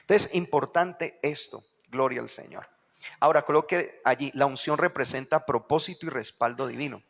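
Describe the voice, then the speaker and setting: A man's voice: mid-range voice, normal speed, gravelly, fairly bright tone, long reverb tail. A male pastor preaching a sermon, peppering it with rhetorical questions to the congregation and repeating key phrases for emphasis.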